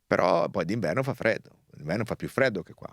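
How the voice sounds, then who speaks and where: Male interview guest, deep voice, Italian with an Italian-American cadence, hesitant conversational delivery, close dry sound. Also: expressive, fast talker, gravelly, no echo. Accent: Italian with an Italian-American lilt. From Varese, northern Italy. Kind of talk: casual radio interview.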